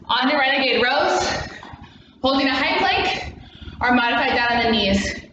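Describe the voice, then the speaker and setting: A woman's voice: sits high, animated, normal speed. A woman leading a workout as an aerobics instructor, demonstrating exercises and counting down in short, encouraging cues. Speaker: fitness class instructor. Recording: echoey room, distant mic, muffled, noisy.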